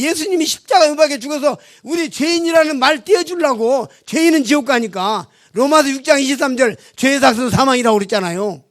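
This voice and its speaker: 열정적으로 설교하는 높은 목소리의 남자. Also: male voice, very high voice. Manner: animated, swings between loud emphasis and quiet asides, acts out dialogues. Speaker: preacher. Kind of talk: revival sermon. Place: church hall.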